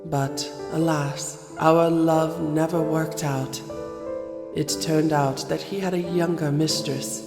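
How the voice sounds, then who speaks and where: Lady doing an imperious old ice queen, low and really slow, big echoey reverb, audio play. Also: steady tone. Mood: wistful. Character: regal, cool Snow Queen, ancient and wistful. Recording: echoey reverb, music underneath.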